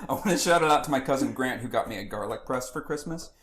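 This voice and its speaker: A man's voice: mid-range voice, expressive, fast. A man co-hosting a casual podcast while cooking, talking in a playful, jokey way. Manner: playful, jokey, slips into silly voices. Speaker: podcast co-host. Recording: faint background noise, home kitchen.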